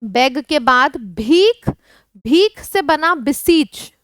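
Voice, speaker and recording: A woman's voice: high-pitched, lively intonation, drawn-out words, no echo, studio quality. A woman with an Indian accent teaching an exam-prep vocabulary lesson. She runs through word lists and puts questions to the viewers. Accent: Indian English.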